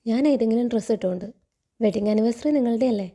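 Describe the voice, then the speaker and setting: A woman's voice: fairly high pitch, quick pace, mellow, lightly acted. A woman voicing a shy, polite young housemaid who speaks hesitantly.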